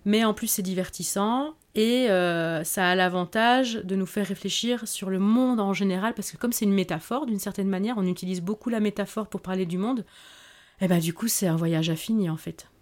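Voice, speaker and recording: A woman answers questions in a podcast interview. She sounds reflective and unhurried, often pausing on fillers as she searches for words. Her pitch sits in the middle range. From Belgium. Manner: reflective, hesitant with frequent fillers. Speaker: author guest.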